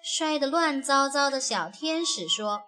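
A woman narrating a children's storybook in a gentle, expressive way. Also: high-pitched, unhurried. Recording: faint background music.

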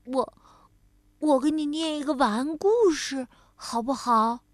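A woman's voice: high-pitched, unhurried, no echo, studio quality. A woman voicing a young male rabbit in a children's storybook, a grumpy but caring friend. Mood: gentle.

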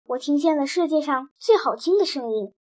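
Tender tabby cat, gentle and loving, storybook part, read by a woman. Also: high voice, lively intonation, fairly quick.

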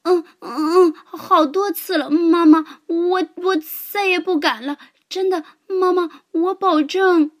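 A woman voicing a huge, bullying male giant in a children's story, roaring slow boasts. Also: mid-range voice, lively intonation, a bit bright. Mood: whimpering.

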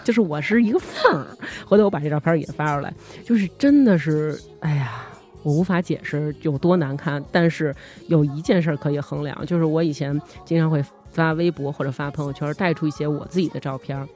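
Fast-talking woman. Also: sits low, soft background music. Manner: animated, laughs often, acts out dialogue. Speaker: podcast co-host. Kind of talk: casual chat, comic storytelling.

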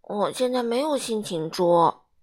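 A woman's voice: mid-range voice, animated, a little slow. A woman voicing a glum young male pig in a children's storybook reading, speaking in a mopey, downcast way.

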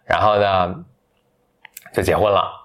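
A man casually retelling a fairy tale to a friend, rambling with many fillers and self-corrections, playful and quick to get animated. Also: low voice. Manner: playful, gets animated and laughs. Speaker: storyteller.

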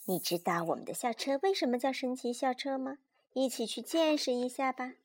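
A young mother reading a picture book aloud to her child at bedtime, patient and animated. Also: high-pitched, brisk. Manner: gentle, patient, animated storyteller.

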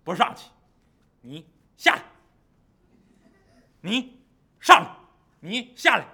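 A man's voice: high voice, very animated, takes it slowly, vocal fry, sharp tone, husky, full character voice. A man doing a sly, taunting river monster.

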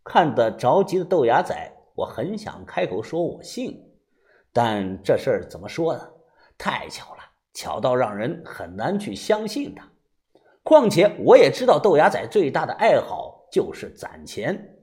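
Man, audiobook narrator, first-person story, very lively pitch. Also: unhurried.

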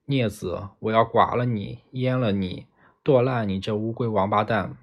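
A man reads out an old father in a storybook, roaring curses at his son in a low, husky voice. The rasp stays in his tone even when he turns grave and tired. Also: normal speed. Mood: furious.

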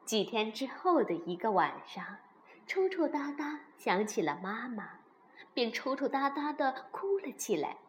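A woman reading a children's story aloud in an expressive, animated way. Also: a little high, a little slow, a little hiss or hum.

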